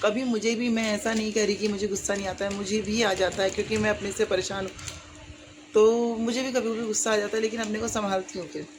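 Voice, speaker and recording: A woman's voice: medium pitch, steady tone, fast talker, noisy background. Earnest woman vlogger talking to viewers. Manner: earnest, heartfelt, rambling with many fillers. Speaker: YouTuber. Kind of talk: casual talk to viewers.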